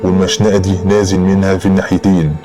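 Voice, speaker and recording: A man's voice: low voice, level tone, rapid-fire, over music. A man with an Egyptian Arabic accent narrating a horror story in the first person, in a dramatic storytelling style.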